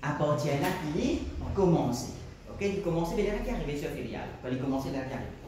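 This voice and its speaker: A man's voice: a little high, animated, fairly quick, background noise. A man with a Mauritian accent teaching a class, asking questions and repeating students' answers. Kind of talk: classroom lesson. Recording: echoey classroom from far off.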